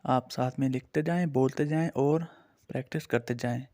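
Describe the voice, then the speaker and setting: A man's voice: medium pitch, moderate pace, warm tone. A man with an Urdu-influenced accent teaching a beginners' language lesson, patiently naming and repeating each letter for his learners.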